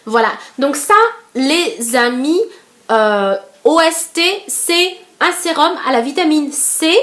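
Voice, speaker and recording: A woman's voice: sits high, takes it slowly, fairly bright tone. A young woman from Madagascar reviewing beauty products in a casual vlog, chatty and full of fillers, talking to her viewers as girls. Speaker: beauty vlogger.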